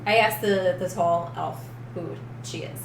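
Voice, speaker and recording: A woman's voice: lowish voice, a little slow, vocal fry. A woman chatting casually as a player at a tabletop role-playing game. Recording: echoey room with background noise.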